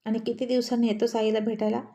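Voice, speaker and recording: A woman's voice: a little high, level tone, fast talker, mellow, close to an everyday voice. A woman voicing an ailing, stubborn elderly mother in a storybook reading, reproachful and pleading.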